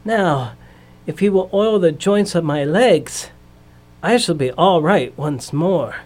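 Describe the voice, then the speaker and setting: A woman voicing a polite, sad male tin man who speaks slowly and mournfully in a storybook reading. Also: fairly low pitch, lively intonation, darkish tone. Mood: grateful.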